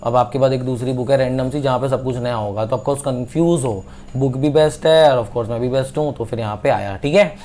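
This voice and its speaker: A man's voice: medium pitch, darkish tone, a little hiss or hum. Chatty young male exam teacher. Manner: chatty, addresses viewers as bhai sahab, slow when reading English examples. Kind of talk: online English idioms lesson.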